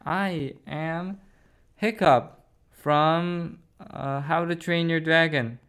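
A performer voicing a friendly young male dragon rider, speaking haltingly with many fillers. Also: mid-range voice, a bit bright, clear, resonant tone.

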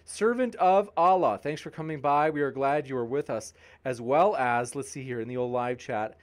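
A man's voice: medium pitch, moderate pace. A man hosting a debate channel's live stream, reading viewer comments aloud and joking with the chat in an upbeat way. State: tiring, pausing to drink.

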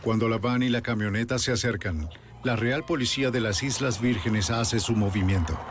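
A man's voice: fairly low pitch, normal speed, background noise. A man narrating a crime documentary in a dramatic, scripted style. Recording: music bed under the voice. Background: dramatic background music.

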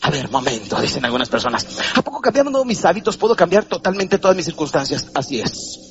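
Mexican man, motivational speaker, lively swooping voice, theatrical, dull recording with faint noise. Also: on the high side, fast talker. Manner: animated, theatrical, acts out voices and questions the audience. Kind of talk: live motivational seminar talk. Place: seminar hall with seated audience.

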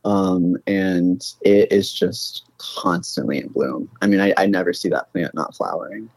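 A man speaks as a guest in a relaxed podcast conversation, his speech loose and dotted with "like" and "um". The sound is dry and close, with almost no room around it. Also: deep voice, a little slow, gravelly, slightly rough, no echo, low-quality recording. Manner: fills talk with "like" and "um". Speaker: guest plant collector. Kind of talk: casual podcast chat.

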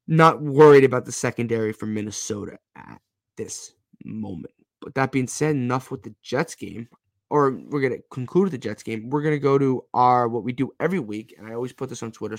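A man's voice: mid-range voice, no echo, clean studio sound. A man hosting a casual live football fan show, talking in slangy, bro-ish hype and repeating key phrases for emphasis. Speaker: sports show host.

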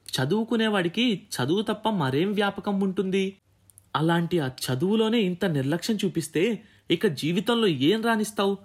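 A man's voice: fairly high pitch, lively intonation, a little slow, long pauses, a bit bright, slightly rough, heavily acted. A man voicing a stern, scornful woman tutor. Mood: scolding. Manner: scolding, contemptuous lecturing. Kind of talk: audiobook character reading.

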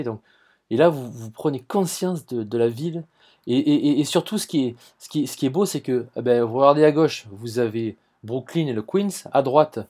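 A man with a southern French Marseille accent hosts a travel podcast and tells his stories with eager enthusiasm. He repeats words and restarts sentences as he goes, speaks to his listeners directly, and his voice sits in a middle pitch. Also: warm tone. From southern France. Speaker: podcast host. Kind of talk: travel storytelling.

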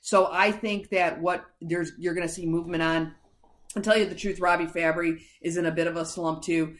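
A woman's voice: fairly low pitch, steady tone, moderate pace, roomy sound. A woman co-hosting a casual sports podcast, chatty, interrupting herself and laughing easily. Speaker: podcast co-host.

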